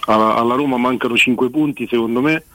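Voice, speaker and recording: A man's voice: mid-range voice, quick pace, a bit bright, dry recording. A man phoning in to a radio sports show, chatting in an earnest, slightly aggrieved way. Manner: talkative, earnest, a little aggrieved. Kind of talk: casual call-in chat about football.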